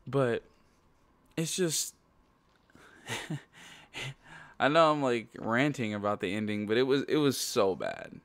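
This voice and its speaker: A man's voice: mid-range voice, sing-song, slow, pauses often, a bit bright, no echo. A man with a congested nose giving a casual, rambling game review full of "like" and restarts, ranting about what let him down. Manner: rambling, ranting, heavy use of "like".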